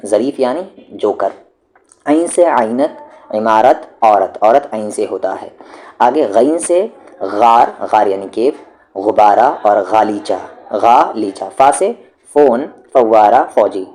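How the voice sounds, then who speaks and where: Guy teaching beginner urdu letters, slow and patient, lowish mellow voice, keeps repeating words. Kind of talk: beginner language lesson, reading letters and words.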